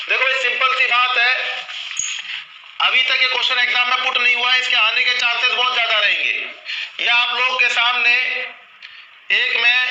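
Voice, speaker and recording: A man with a high, very bright voice gives a live online nursing lesson in an echoey room. He keeps asking his students questions and answers them himself, over and over. His pitch stays fairly level. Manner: repetitive question-and-answer teaching, addressing students as children. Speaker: nursing teacher. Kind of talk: live online class lecture.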